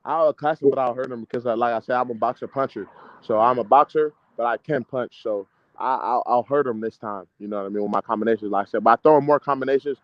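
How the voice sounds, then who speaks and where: A fast-talking young man of about 25 from the DMV area, an amateur boxer, chats casually in an interview with an American accent. His voice is medium-pitched, and his phrasing is slangy, confident, emphatic and repetitive. The audio sounds dull.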